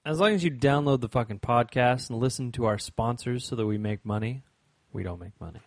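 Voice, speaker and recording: A man's voice: mid-range voice, brisk, no echo. A young man co-hosting a casual podcast chat, joking dryly and swearing casually. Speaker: podcast co-host.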